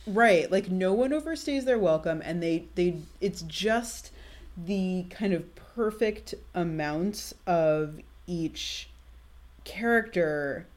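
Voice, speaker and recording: A woman's voice: lowish voice, lively intonation. A woman co-hosting a podcast, talking casually and thoughtfully with restarts. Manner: hesitant, restarts and reflective pauses. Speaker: podcast co-host. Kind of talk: casual chat.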